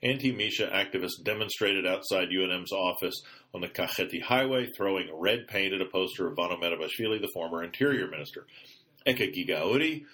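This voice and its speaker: A man's voice: deep voice, a little fast, sharp tone. A man hosting a casual news podcast into a computer mic, reading the news with chatty asides and the odd um as he corrects himself.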